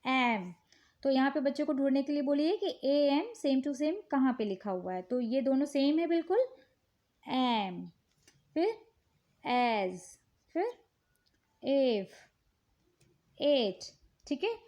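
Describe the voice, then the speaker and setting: A woman with an Indian accent and a high, light voice walks through a children's worksheet. She talks slowly and patiently, checking in with the listener again and again. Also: lively intonation, darkish tone, lo-fi sound. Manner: slow, patient, repeats "ठीक है" often. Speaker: teacher showing worksheets. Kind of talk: casual instructional talk.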